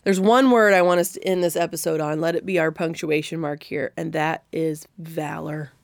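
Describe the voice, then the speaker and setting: A woman leading a faith-based podcast discussion, earnest and reflective with gentle emphasis. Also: low-pitched, steady tone, moderate pace, creaky, dry recording. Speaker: Bible study discussion leader.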